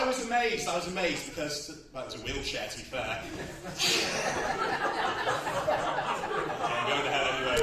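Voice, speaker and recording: A man doing a crude, self-mocking stand-up comedy set, out of breath and often bursting into shouts. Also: a little high, noisy background. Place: comedy club stage. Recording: echoey club, far from mic, loud crowd. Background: audience laughter.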